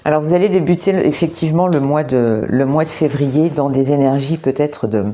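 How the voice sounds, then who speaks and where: A woman giving a monthly astrology card reading, talking gently and hesitantly with many repeated words and fillers, indoors under artificial light. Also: sits low, fairly quick. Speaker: tarot and oracle card reader.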